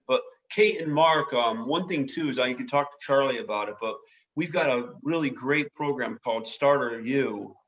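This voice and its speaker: A man speaking as a guest on a video call, relaxed and joking, with quick asides. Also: mid-range voice. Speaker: guest speaker, foundation head. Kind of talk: casual webinar talk. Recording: slightly dull video-call audio.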